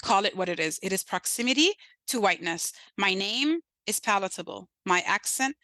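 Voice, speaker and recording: Speaking as a podcast guest, a woman from Sudan, perhaps in her thirties, makes her points earnestly and emphatically, regularly asking "right?". Her medium-pitched voice has lively intonation, normal speed and a bright, forceful tone, captured in a dry recording. The accent is Sudanese with a light British lilt.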